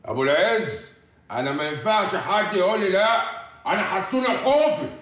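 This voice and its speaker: A man's voice: high voice, lively intonation, fairly quick, a bit bright, a little hiss or hum. An actor playing a proud, hotheaded man who is indignant and boastful, with an Egyptian accent. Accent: Egyptian Arabic. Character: proud, hotheaded rejected suitor.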